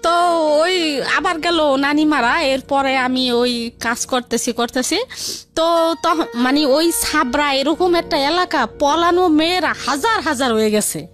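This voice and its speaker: Speaking at a measured pace, this woman's voice sits high and sounds fairly bright. She is from Bangladesh and has a colloquial Dhaka-region Bengali accent, and as an interview guest she recounts her life in a repetitive, wandering manner over faint background music.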